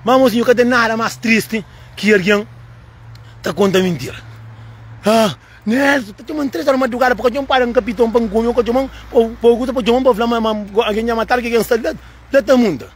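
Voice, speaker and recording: A Cape Verdean man talks fast and emphatically in a casual monologue to the camera, repeating himself and calling the listener "moço". His voice sits very high and sounds husky and breathy. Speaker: channel host.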